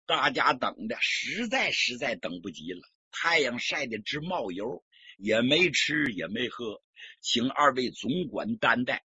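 A man voicing a big, rough-mannered warrior who speaks gruffly and humbly. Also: big pitch swings, measured pace, sharp tone, dry recording, full character voice. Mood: pleading. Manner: gruff, pleading, lower-voiced. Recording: dull lo-fi recording.

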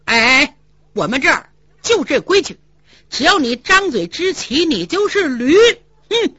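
A woman's voice: sits high, big pitch swings, measured pace, dry recording, highs cut off, pitched above the performer's own voice, exaggerated voice. Hu Dahai, a brash hot-headed warrior played by a woman. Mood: angry blustering. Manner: loud, blustering, taunting. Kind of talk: traditional storytelling performance.

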